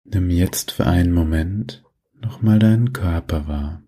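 A meditation guide with a low-pitched, soft, breathy voice leads a sleep meditation. He gives gentle, soothing instructions and leaves long pauses.

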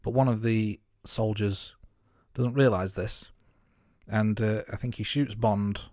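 A man co-hosting a podcast, giving measured, note-by-note commentary on a film. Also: lowish voice, fairly even intonation, darkish tone, no echo, studio quality. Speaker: podcast co-host. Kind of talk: casual film review chat.

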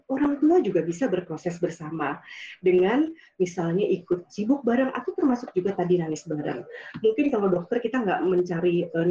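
Woman giving a calm talk over a video call, warm mellow voice, muffled lo-fi sound. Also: on the high side. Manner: calm and explanatory, acts out sample phrases, frequent fillers. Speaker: speaker addressing a medical team. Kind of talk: online talk.

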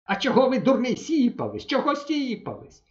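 A man voicing a gruff, bossy old village grandfather who scolds bluntly. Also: very high voice, wildly swooping pitch, moderate pace, dull audio, voice pushed up, full character voice. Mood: scolding.

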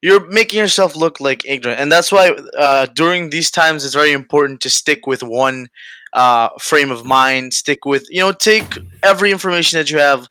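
Bright-voiced Aruban-accented man chatting casually. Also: a little high, smooth, dry recording. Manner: halting, searching for words, frequent "you know". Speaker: podcast host. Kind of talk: casual conversation.

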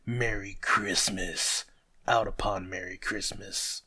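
A man's voice: fairly low pitch, steady tone, measured pace, creaky, a bit bright, breathy edge, exaggerated voice. A man voicing a bitter, stern old miser who growls and mutters dismissively, in a storybook reading. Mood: scornful.

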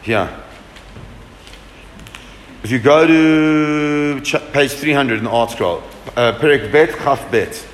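A man's voice: mid-range voice, takes it slowly, long pauses, a little hiss or hum. A man teaching a Torah class to a group, asking questions and answering them with emphasis. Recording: echoey room with long reverb.

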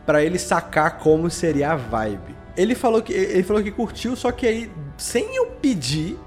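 Very animated and high-pitched, he talks at a moderate pace. The man is an audio drama podcast creator from Belo Horizonte with a Minas Gerais Brazilian accent, chatting casually as a podcast guest and telling anecdotes in slang. Background music can be heard.

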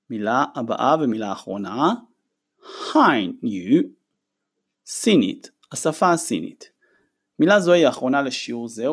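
A man teaches a recorded vocabulary lesson, his voice gravelly and full of fry. His pitch moves a lot as he says each new word slowly and then repeats it for the learner. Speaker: language teacher.

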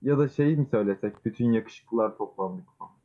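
A man's voice: on the low side, brisk. A man hosting a podcast in casual chat, teasing his co-hosts playfully. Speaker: podcast host. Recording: tinny phone-like sound.

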